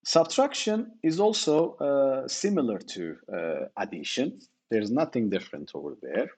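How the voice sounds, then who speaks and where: A man's voice: mid-range voice, very animated, a little slow, a little mellow. A middle-aged man giving a university lecture, explaining step by step with fillers and self-corrections.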